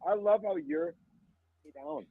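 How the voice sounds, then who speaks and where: A man's voice: very high voice, lively intonation, slow pace, creaky, dry recording. Man on a breaking-up phone line. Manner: rambling and playful. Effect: phone line breaking up and cutting out. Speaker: caller. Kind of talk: call-in chat.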